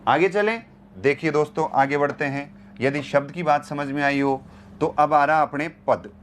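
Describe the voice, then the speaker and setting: A man's voice: on the high side, normal speed, a little hiss or hum. A man teaching Hindi grammar in an exam-prep lecture, repeating key terms and asking rhetorical questions. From India.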